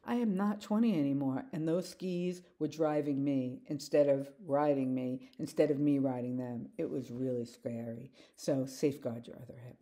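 Expressive woman in her sixties, mellow voice. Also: moderate pace, hardly any pauses. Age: 60s. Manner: animated, gestures with her hands, shifts between upbeat and low wry asides. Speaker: vlogger. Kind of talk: reflective personal monologue. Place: living room with windows, indoors. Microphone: phone camera held close, looking down at her.

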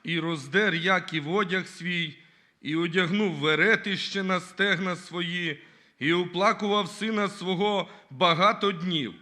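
Guy testifying in church, earnest, keeps saying you know, real sharp tense voice. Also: high voice, measured pace. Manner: earnest, repeats "you know" and "brothers and sisters" often. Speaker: church member giving his testimony. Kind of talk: church testimony with scripture reading. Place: church service.

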